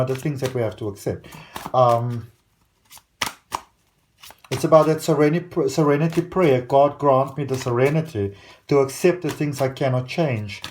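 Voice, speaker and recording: A man's voice: fairly high pitch, darkish tone. A man from South Africa giving a tarot reading, talking earnestly and stacking repeated "I can see" phrases. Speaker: tarot reader.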